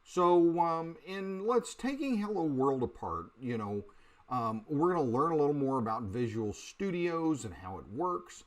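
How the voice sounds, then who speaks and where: A man teaching a beginner programming lesson over a screen recording, talking in a halting way with many fillers and restarts. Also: a little high, animated.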